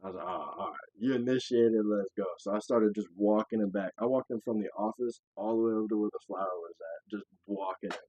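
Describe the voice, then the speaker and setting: A man's voice: fairly low pitch, quick pace, hardly any pauses, husky, no echo, low-quality recording. A young man hosting a casual podcast, telling stories with lots of swearing, acted-out quotes and laughter. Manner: animated storyteller, acts out quotes, swears, laughs often. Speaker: podcast host. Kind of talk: casual chat.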